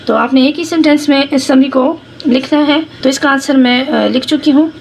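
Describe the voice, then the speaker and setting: A woman English teacher, dictating answers slowly and explaining them quickly. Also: high voice, vocal fry, a little hiss or hum, low-quality recording. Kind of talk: classroom lesson, reading slowly in English and explaining fast in Hindi.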